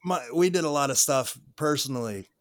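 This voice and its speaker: A man's voice: fairly high pitch, lively intonation, brisk. A man co-hosting a podcast, chatting casually in a laid-back, wry way. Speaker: podcast co-host. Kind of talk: casual chat.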